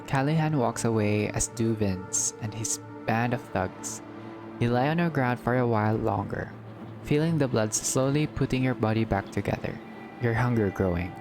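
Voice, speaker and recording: Loud game music plays under a man's medium-pitched voice as he works through a visual novel at normal speed. He reads the on-screen text with drama and reacts in a relaxed, casual way.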